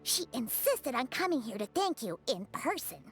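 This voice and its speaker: A woman's voice: high voice, big pitch swings, normal speed, soft background music. A woman voicing a small, blunt, chirpy floating girl companion in a game, talking casually and teasing. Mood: chatty. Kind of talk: game voice acting.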